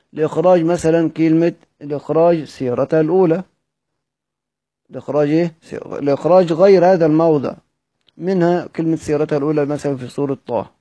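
This Egyptian-accented teacher, his voice fairly high and mellow, explains Quranic readings by asking listeners a question, saying it again, and supplying the answer on his own. The recording is dry.

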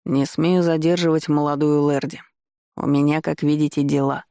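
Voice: mid-range voice, flat delivery, moderate pace, warm tone, clear, resonant tone, no room sound, studio quality, natural voice. Самоуверенный дерзкий лэрд в исполнении чтеца дразнит собеседницу неторопливо и вкрадчиво. Звук сухой, близкий. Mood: дразнящий. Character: насмешливый обаятельный молодой лэрд-мерзавец. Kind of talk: чтение аудиокниги по ролям.

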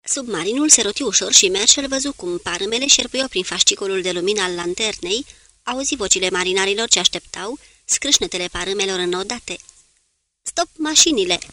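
A woman narrating an audiobook in an even, measured reading. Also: mid-range voice, no room sound. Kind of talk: scripted narration.

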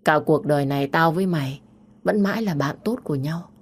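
A loyal young woman, voiced by a woman narrator consoles her friend in a low, coaxing voice. She speaks gently and keeps urging her to open up. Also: brisk, slightly rough. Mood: comforting. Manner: warm, coaxing.

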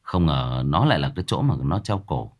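A man's voice: a bass voice, sing-song, brisk, pitched below the performer's own voice, full character voice. Guy doing a nervous young worker, hesitant. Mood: uneasy. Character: young male worker, uneasy helper.

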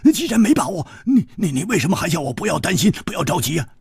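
Hu Tiehua, a man putting on a shrill hot-headed swordsman. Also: sing-song, quick pace, vocal fry, darkish tone, husky, no room sound, clean studio sound, full character voice. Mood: anxious. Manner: high, agitated, stammering outbursts. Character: brash impulsive male swordsman, hot-tempered. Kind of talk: traditional storytelling performance.

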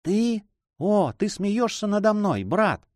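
Anxious young noblewoman, read by a man, high-pitched and pleading, emotional storybook sister. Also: very animated, takes it slowly, darkish tone, dry recording, studio quality, full character voice. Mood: desperate.

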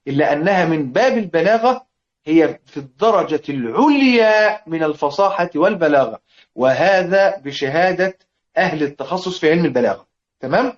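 Speaking with an Egyptian Arabic accent and a fairly high pitch, this Quran recitation teacher explains a classical poem. He slowly chants the verses, lays out his points deliberately, and questions his students again and again to confirm they understand. The audio is a dull, lo-fi lecture recording.

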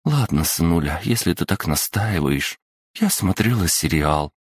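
A man reading an audiobook voices an emotional middle-aged mother who talks in a shrill, exclamatory, melodramatic way. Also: lively intonation, measured pace, breathy edge, no room sound, clean studio sound, exaggerated voice. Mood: tearful.

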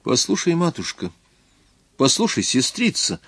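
A man's voice: medium pitch, big pitch swings, a little slow, gravelly, fairly bright tone, breathy edge, no echo, pitched above the performer's own voice, exaggerated voice. A man reading the part of a hot-tempered, scornful young nobleman in an audiobook. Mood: impatient.

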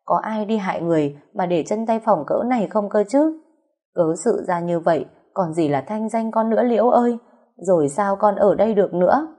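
A woman voicing a shrill, wailing old female nanny in an audio story. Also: normal speed, mellow, close to an everyday voice.

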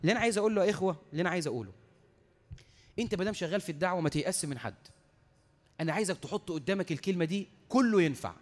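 A man with an Egyptian accent giving a sermon as a preacher, telling stories quickly and emotionally, acting out the quotes and pressing his listeners with passion. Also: high voice, lively intonation. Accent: Egyptian Arabic. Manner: fast, emotional storytelling with acted-out quotes; impassioned exhortation.

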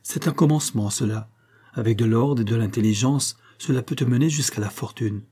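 A man voicing a kind invalid lady who speaks gently but firmly to her young servant, in a read-aloud novel. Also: mid-range voice, fairly quick, husky, close to an everyday voice. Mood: gentle, firm. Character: kindly invalid lady, firm yet tender.

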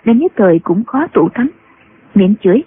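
A woman narrating a martial-arts novel in a steady storytelling voice. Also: medium pitch, normal speed, a little hiss or hum. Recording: tinny phone-like sound with loud music.

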